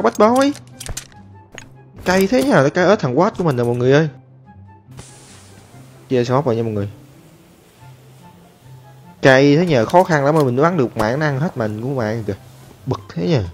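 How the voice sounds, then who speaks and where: A man giving excitable, chatty commentary over his own gameplay, talking to viewers and taunting enemies. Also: mid-range voice. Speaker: gaming streamer. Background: game music and gunfire.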